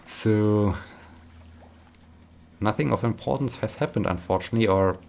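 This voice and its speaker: A man's voice: on the low side, moderate pace, gravelly, darkish tone, slight background noise. A man chatting casually while playing a game, rambling and repeating words, tired but upbeat. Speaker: gaming vlogger.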